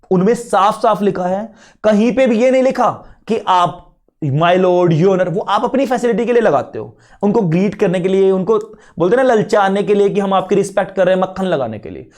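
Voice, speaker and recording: A man's voice: sits high, a little mellow. Unwell Indian man teaching a class. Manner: chatty, mixes English terms into Hindi. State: unwell, lower energy. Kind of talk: casual classroom lecture.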